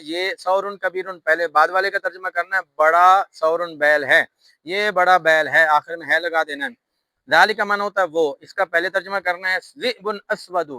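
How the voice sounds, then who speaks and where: A man with a Pakistani Urdu accent teaches an Arabic class, patiently going over each grammar rule step by step. His voice is high-pitched, pushed and bright. The audio is poor, with no room sound.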